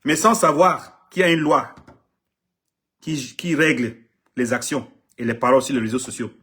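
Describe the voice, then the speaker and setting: With a medium-pitched, slightly rough, sharp voice at a moderate pace, a middle-aged Cameroonian artist manager speaks French in an impassioned public address. English is his first language, and he repeats himself emphatically while often stumbling over words.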